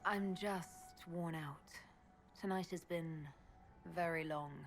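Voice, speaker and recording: A woman playing a composed, dry-witted heroic leader in a video game, with a measured, understated manner. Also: on the low side, steady tone, soft background music. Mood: weary, gentle. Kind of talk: dramatic video game acting.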